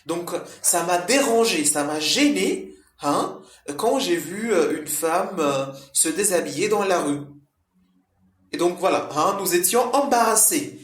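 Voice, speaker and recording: A man with a fairly high voice walks learners through vocabulary one word at a time, rephrasing each term and dropping in frequent fillers. The recording rings with the echo of a bare room. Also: lively intonation. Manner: slow, repetitive explaining with frequent "hein" and "euh". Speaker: French teacher.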